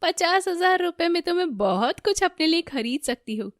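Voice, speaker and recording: Cartoon thief bride, voiced by a woman, high, sly, scheming. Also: lively intonation, a little slow, no room sound, clean studio sound. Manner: sly, scheming asides, panicky when caught. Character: scheming thieving young daughter-in-law.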